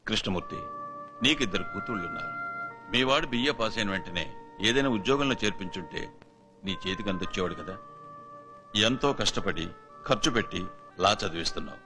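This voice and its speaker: A middle-aged actor playing an authoritative, pragmatic judge. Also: male voice, fairly low pitch, huge pitch swings, a little fast, long pauses. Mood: stern. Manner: authoritative, advising. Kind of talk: film dialogue. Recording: film soundtrack with music.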